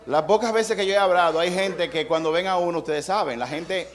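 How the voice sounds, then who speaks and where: A middle-aged pastor delivers a sermon in a conversational, storytelling way, acting out what people say and mixing in humor. His voice sits somewhat high for a man. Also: brisk. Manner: conversational preaching with acted-out quotes and humor.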